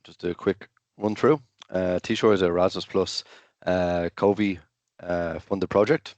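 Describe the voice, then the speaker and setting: A man's voice: sits low, fairly even intonation, a little slow, a little mellow, no room sound, muffled recording. A man hosting an online webinar, giving an informal, matter-of-fact introduction in hesitant, broken-up phrases. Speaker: webinar host. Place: online video call.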